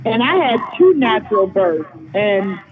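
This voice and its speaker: A middle-aged woman calling into a show, giving her opinion earnestly with many pauses and ums. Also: medium pitch, big pitch swings. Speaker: caller. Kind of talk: call-in opinion. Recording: tinny phone line, crowd noise behind.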